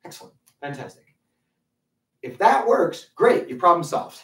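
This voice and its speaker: A man teaching kids karate over a video call, counting out drills and coaching each stance with steady encouragement. His voice swings up and down lively. It comes from away from the camera mic, in a roomy space. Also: high-pitched, a little slow. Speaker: karate instructor. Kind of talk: online kids' karate class. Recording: roomy, from a distance.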